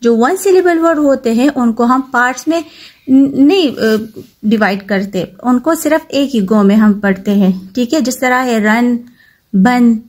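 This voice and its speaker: A woman from Pakistan teaching a children's textbook lesson, reading English lines slowly and explaining each one in plain words. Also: a little high, darkish tone. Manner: slow and patient, reads English lines slowly, then explains in Hindi-Urdu.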